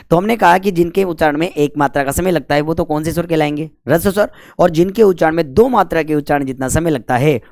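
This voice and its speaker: A man's voice: on the high side, gravelly, a little mellow, no echo, clean studio sound. A man teaching grammar for exam prep. He asks questions, answers them himself and stretches out the vowel sounds. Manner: chatty, with jokes between the rules.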